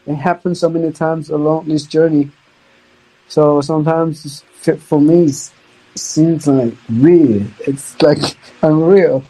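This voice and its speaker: On a low-quality recording, a young adult guest from China shares casual stories on a podcast, hesitating, repeating words, and starting sentences over, with non-native grammar. Chinese is his first language. His voice is a little high and mellow, with fairly even intonation.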